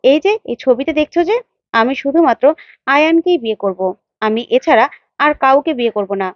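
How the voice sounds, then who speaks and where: A woman's voice: high voice, lively intonation, fairly quick, no echo, lo-fi sound. A woman voicing a young woman who insists and pleads over a lost love. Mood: desperate.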